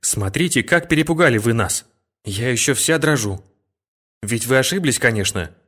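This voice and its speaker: A man's voice: lively intonation, moderate pace, a bit bright. A man voicing an indignant proud young girl. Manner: raised pitch, pleading and demanding.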